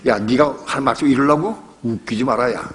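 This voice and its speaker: A man's voice: medium pitch, normal speed, a bit bright, lightly acted. A scornful male Satan who jeers and taunts, put on by a preacher in mid-sermon. The voice stays close to the man's own speaking voice. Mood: mocking. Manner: scornful, jeering. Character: taunting, mocking male Satan whispering accusations.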